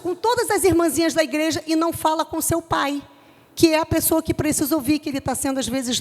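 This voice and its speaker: A middle-aged woman from Brazil with a Rio de Janeiro accent, preaching to a youth group with forceful, emphatic delivery. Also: high-pitched, long reverb tail. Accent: Rio de Janeiro Portuguese. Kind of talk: youth church sermon.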